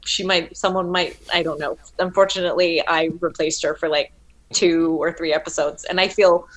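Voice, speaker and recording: A woman's voice: on the low side, steady tone, moderate pace, rough recording. A woman telling stories as a guest in a casual interview, chatty, with many restarts.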